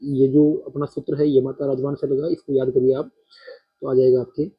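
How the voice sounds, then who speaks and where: A man with a slightly husky voice teaches a poetry-meter lesson, counting syllables one by one and turning to his students with questions. His pitch sits in an ordinary middle range. The recording is dull and lo-fi. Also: little pitch movement. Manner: counting syllables aloud slowly, addressing students directly.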